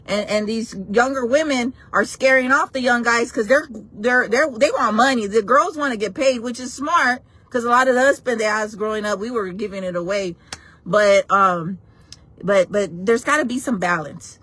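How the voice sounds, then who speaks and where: A woman's voice: on the high side, moderate pace, a bit bright. A woman in her forties hosting a casual livestream chat, talking bluntly and playfully while she reacts to her chat. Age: 40s. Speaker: livestream host.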